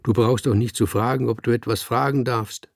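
A man's voice: medium pitch, unhurried, a little mellow, slightly rough, no room sound, clean studio sound. A man reading aloud, voicing a bitter, self-pitying middle-aged man who turns tearful and condescending. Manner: sobbing, domineering. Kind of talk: audiobook reading.

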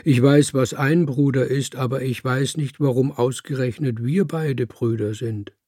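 A man's voice: medium pitch, steady tone, measured pace, dark tone, no echo, studio quality, close to an everyday voice. A man voicing a naive young tomcat who asks simple, eager questions in a storybook reading. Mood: earnest. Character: naive young tomcat, earnest and literal-minded.

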